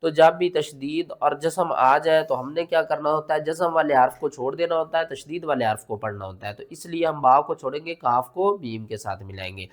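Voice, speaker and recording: A man teaching Quran recitation step by step. He asks himself questions as he explains, then recites slowly in a drawn-out chant. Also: on the high side. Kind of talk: step-by-step tajweed lesson.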